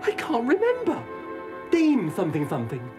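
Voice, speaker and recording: An actor playing a timid, helpless young English gentleman who whines and frets. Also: very high voice, huge pitch swings, normal speed, over music, heavily acted. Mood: panicked. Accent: upper-class English. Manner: fretful and whiny.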